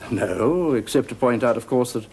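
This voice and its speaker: Actor as smooth male solicitor, polite veiled threats, mid pitch, faint hiss. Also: expressive, moderate pace, darkish tone, lightly acted. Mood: cool. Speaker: lawyer. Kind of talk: British television drama acting.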